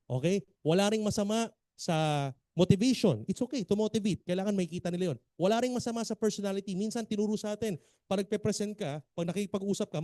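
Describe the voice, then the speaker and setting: A man's voice: sits high, no echo. A man with a Filipino accent giving an emphatic seminar lecture as a business trainer, often checking in with his audience. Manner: animated, emphatic, quizzes the audience.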